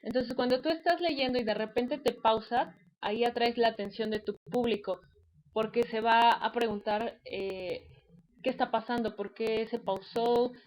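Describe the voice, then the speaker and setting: A woman teacher walks her students through a lesson. Her voice sits a little high, and she explains patiently, pausing on fillers as she goes. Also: steady tone, a little mellow, slight background noise, poor audio. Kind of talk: online class lecture.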